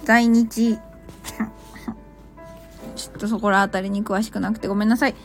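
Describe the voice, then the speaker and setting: A woman's voice: medium pitch, little pitch movement, moderate pace, soft background music. A woman who teaches English at a cram school, chatting casually on a live stream and reacting to listener comments with small laughs.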